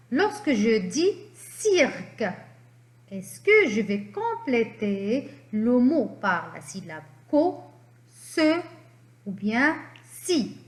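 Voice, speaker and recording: Woman teacher for small children, encouraging and very slow, in a roomy, echoing space. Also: on the high side. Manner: animated, encouraging, drawn-out syllables. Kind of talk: slow reading lesson for young children.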